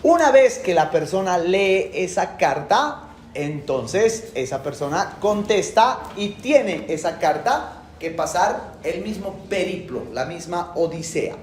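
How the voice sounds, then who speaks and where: A man's voice: sits high, animated, slow, roomy sound, a little hiss or hum. A middle-aged man giving a classroom lecture in a colloquial, emphatic way, repeating his key phrases. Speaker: university lecturer.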